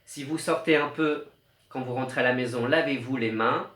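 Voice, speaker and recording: A man teaching a remote lesson to young children, slowly stressing each syllable as he explains musical notes and rhymes. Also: mid-range voice, fairly bright tone. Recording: echoey room.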